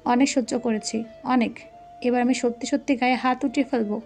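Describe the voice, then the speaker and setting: An angry, jealous young husband, as a woman storyteller puts him on barks short threats in a fairly high voice. Faint music drifts underneath the narration. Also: fairly even intonation, brisk, a little mellow, lightly acted. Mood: threatening. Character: hot-tempered jealous young husband, man.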